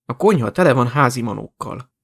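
A man's voice: lively intonation, gravelly, breathy edge, no echo, clean studio sound. A man voicing a blunt, loyal teenage boy in an audiobook. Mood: serious. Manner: serious, low-key.

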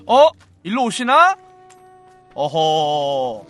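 Young man, game streamer, excitable commentary, mouth gunfire sounds, very lively pitch, faint music behind. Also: extremely slow. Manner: playful, mimics gunfire sounds, frequent exclamations.

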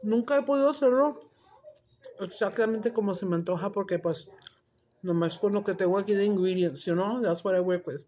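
A mid-range voice at normal speed belongs to this loud, crude woman who hosts a mukbang cooking vlog. Chatting casually as she cooks and eats, she swears freely and switches back and forth between Spanish and English.

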